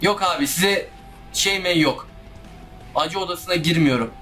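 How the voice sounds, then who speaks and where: A high-voiced man narrating his own gameplay, easily riled, cursing and pleading with the game. Faint game music plays under his voice. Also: a little slow, pushed and bright. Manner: frustrated, swears often and talks to the game. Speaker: gaming YouTuber. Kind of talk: casual let's-play commentary.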